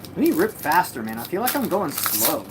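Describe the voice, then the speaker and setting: A woman with a low voice and big pitch swings chats at a moderate pace on a livestream while opening trading card packs. She rambles, uses slang, and swears freely in a home room with a mattress propped against the wall. Faint noise from a party next door can be heard.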